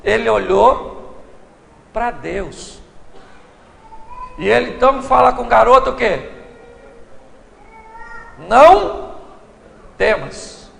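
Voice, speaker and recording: A man preaching a comic sermon in a church, telling stories in an animated way with loud, emphatic bursts. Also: very high voice, measured pace, creaky, long pauses. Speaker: pastor. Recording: echoey church hall, mic far off.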